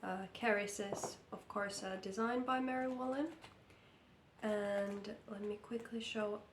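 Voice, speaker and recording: A Finnish-accented woman, sick and croaky, walks through a knitting vlog update in English at a slow, careful, hesitant pace. Her mid-range voice holds a steady tone in a roomy, lamp-lit indoor space with background noise.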